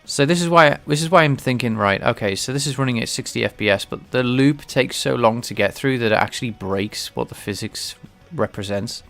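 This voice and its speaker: Brisk and a bit bright, this medium-pitched male voice carries vocal fry and hardly any pauses, with faint music in the background. A game developer streaming his work, he live-codes and explains his game engine in casual commentary, thinking aloud hesitantly and with many restarts. His cold gives him a slightly nasal, blocked-up sound.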